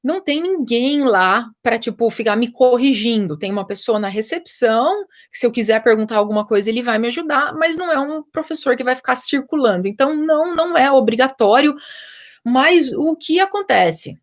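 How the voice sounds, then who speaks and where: Speaking at normal speed in a fairly high voice, a young Brazilian woman, a personal trainer with a Brazilian Portuguese accent, chats casually on a live stream. She explains things to viewers and answers their questions, using many fillers.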